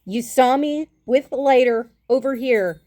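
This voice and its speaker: A woman's voice: sits high, a little slow, dark tone, no echo. A woman giving a tarot reading in a casual, chatty livestream, affectionate and rambling as she sets up, speaking into a phone. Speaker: tarot reader.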